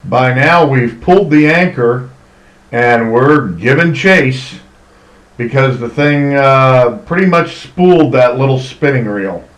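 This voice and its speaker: A middle-aged man narrates his fishing trips at an unhurried, easygoing pace. His voice sits in the middle register and carries a roomy echo around it. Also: mid-range voice, expressive. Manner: slow, easygoing storytelling. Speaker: fishing charter captain. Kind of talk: voice-over narration.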